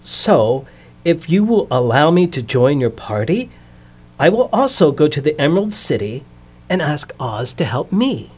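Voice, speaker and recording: A woman voicing a polite, sad male tin man who speaks slowly and mournfully in a storybook reading. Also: low-pitched, sing-song, darkish tone, husky, pitched below the performer's own voice, exaggerated voice. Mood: grateful.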